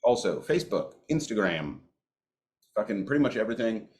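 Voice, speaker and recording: A man co-hosting a cigar podcast, talking in a relaxed, casual way with some swearing. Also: lowish voice, fairly quick. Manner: laid-back, swears casually. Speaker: podcast co-host. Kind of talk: casual chat.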